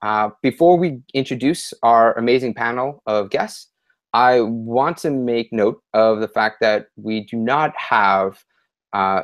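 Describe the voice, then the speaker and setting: Hesitant young man hosting a panel. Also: lowish voice. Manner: hesitant, many fillers. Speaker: panel discussion host. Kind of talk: online panel discussion.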